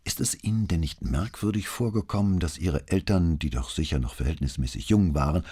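A courteous middle-aged detective, as a male reader plays him questions a witness gently and patiently. His voice sits very low, dark and mellow, with a husky edge. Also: animated, a little fast. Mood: gently probing.

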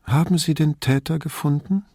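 A man's voice: on the high side, moderate pace, warm tone, no room sound, studio quality, pitched above the performer's own voice. A man doing a weary, listless woman professor. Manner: listless, subdued. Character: weary, apathetic middle-aged woman professor.

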